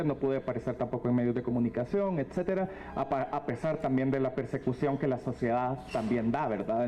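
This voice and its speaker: Salvadoran man making a forum comment, steady and hesitant, muffled recording. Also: medium pitch. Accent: Salvadoran Spanish. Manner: measured, with frequent hesitations. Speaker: audience member, former candidate. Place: legislative hall forum. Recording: dull lo-fi sound.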